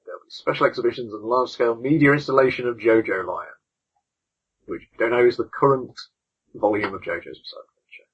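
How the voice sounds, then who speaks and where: Podcast host with a tinny, lo-fi voice. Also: male voice, medium pitch, fast talker, slightly rough. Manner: chatty, rambling while clicking through links. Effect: tinny, lo-fi wrong-microphone sound. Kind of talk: casual chat reading news. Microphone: online call. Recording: tinny lo-fi online call mic.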